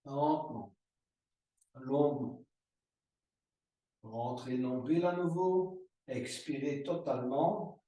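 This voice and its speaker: A man teaching a yoga class, giving slow, calm breathing and movement cues. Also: mid-range voice, recorded from a distance. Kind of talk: guided yoga class instruction. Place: room recorded as an online class. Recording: roomy echo, voice from afar.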